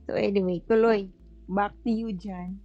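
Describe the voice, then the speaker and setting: A woman co-hosting a casual podcast chat, telling a short work story with quick asides. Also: medium pitch, fairly even intonation, dark tone, dull audio, faint music behind. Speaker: podcast co-host.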